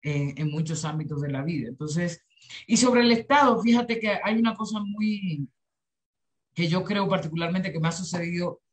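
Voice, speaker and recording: A woman's voice: lowish voice, moderate pace. A middle-aged woman with a Caribbean Spanish accent answering in an unscripted discussion on a video call, reflective and emphatic, often adding short tag questions. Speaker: invited speaker at a webinar. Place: indoor room on a video call.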